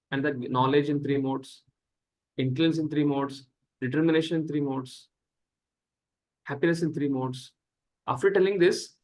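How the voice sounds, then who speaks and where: Indian guy teaching scripture, slightly high voice, goes slow w lots of pauses between short bits. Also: low-quality recording. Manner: slow, deliberate, halting with frequent pauses between short phrases. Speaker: spiritual teacher leading a scripture class. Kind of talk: scripture lecture over online class.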